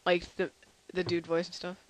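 A tired young man hosting a casual software demo, rambling and halting with lots of fillers. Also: sits high, monotone, no room sound, rough recording. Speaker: channel host.

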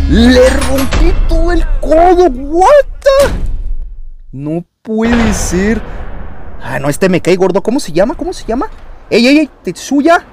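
A man with a Mexican Spanish accent giving excited gameplay commentary as a YouTuber, taunting opponents and yelling at the screen. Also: extremely high pitch, slight background noise. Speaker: gaming YouTuber.

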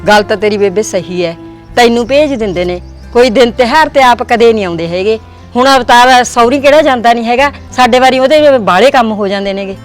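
A woman's voice: on the high side, faint music behind, lightly acted. A woman playing a caring married daughter with a Punjabi accent, talking with her old mother. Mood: earnest. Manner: quick, pleading. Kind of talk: village drama acting.

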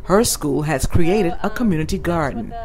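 A woman news reporter reading a scripted voice-over in an even manner. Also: on the low side, moderate pace. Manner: even, clearly read voice-over.

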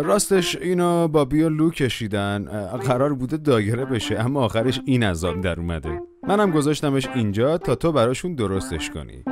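A man narrating a children's cartoon, talking to the characters in a playful, coaxing way. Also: medium pitch. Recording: music playing behind the voice.

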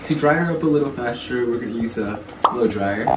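A man's voice: medium pitch, a little fast. Chatty young man touring his home. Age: young adult. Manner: upbeat, chatty, laughs often. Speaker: vlogger. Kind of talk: casual vlog house tour. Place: home rooms, indoors. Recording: roomy sound with background music.

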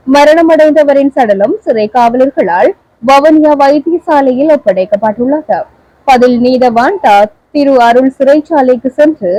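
A woman with a Sri Lankan Tamil accent reading the evening news in a steady, measured, formal delivery. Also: high-pitched, no echo, poor audio. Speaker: newsreader.

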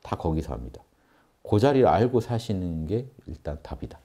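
A man delivers a spiritual talk on meditation, earnest and explanatory, speaking straight to his listeners. His voice sits low and sounds dark and mellow rather than bright. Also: animated, normal speed. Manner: earnest, explanatory, addresses audience directly. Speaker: meditation teacher. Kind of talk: spiritual lecture.

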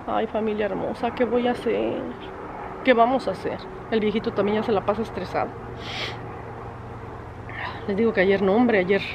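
A woman vlogging casually from home, chatty and exasperated, sometimes breaking off to scold her dog in sharp high bursts. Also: dull audio, a little hiss or hum. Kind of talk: casual vlog chat. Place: at home, indoors and outdoors.

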